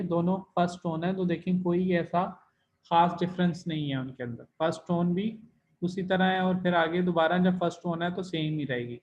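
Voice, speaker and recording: A man teaching an online language class, explaining step by step and demonstrating tones by slowly repeating syllables. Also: sits high, muffled recording. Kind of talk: recorded online class lesson.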